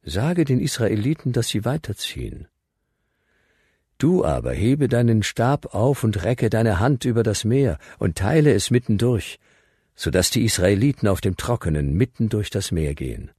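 Man playing the voice of god, very deep, husky, grave and commanding, dry close recording. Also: darkish tone, no room sound. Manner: solemn, grave, measured.

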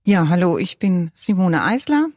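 A woman's voice: fairly low pitch, very animated, normal speed, darkish tone, no room sound, studio quality. A woman in her fifties introducing herself on a panel in a straightforward way. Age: 50s. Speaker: panel guest. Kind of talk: personal testimony in a panel talk.

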